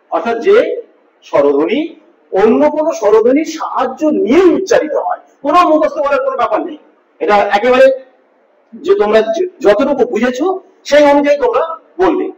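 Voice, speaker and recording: A man's voice: very high-pitched, slight background noise. A male teacher giving a grammar lesson, patiently repeating each point and asking his students questions. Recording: echoey room, distant mic, dull lo-fi.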